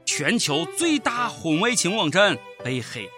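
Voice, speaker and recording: A man's voice: high-pitched, very animated, unhurried, pushed and bright, faint music behind. A man with a Shaanxi accent hosting a satirical comedy news show, narrating in a theatrical, exclamatory way. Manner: theatrical mock outrage, exclamatory.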